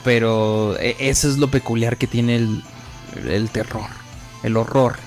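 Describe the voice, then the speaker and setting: A man's voice: medium pitch, unhurried, soft background music. A young Mexican man with a Mexican accent, co-hosting a podcast, animatedly telling a ghost story and acting out the voices in it. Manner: animated storyteller, acts out quotes. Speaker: podcast co-host. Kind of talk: casual chat, storytelling.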